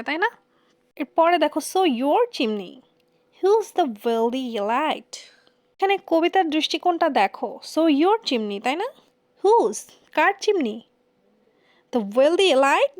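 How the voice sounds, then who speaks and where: A woman teacher, explaining a poem line by line. She reads the English lines slowly and puts questions to her students. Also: sits high, no echo. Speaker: literature teacher.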